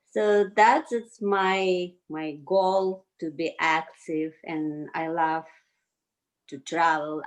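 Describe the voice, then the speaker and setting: A mature woman from Azerbaijan speaks with an Azerbaijani accent, answering casually in halting, loosely built non-native English. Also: fairly low pitch, low-quality recording. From Baku, Azerbaijan. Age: 50s or older. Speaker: interview guest, yoga community member. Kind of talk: casual conversational interview answers.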